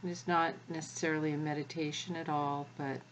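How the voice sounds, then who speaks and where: A woman leading a guided spiritual energy activation as the guide, speaking in a measured way with long pauses between short phrases. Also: deep voice, level tone, a little hiss or hum, rough recording.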